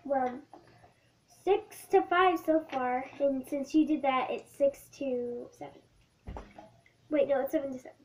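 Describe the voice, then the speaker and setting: Kid girl vlogger, high bright voice, giggly, casual challenge chat. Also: unhurried, long pauses, slight background noise. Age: child. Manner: giggly, counting down playfully.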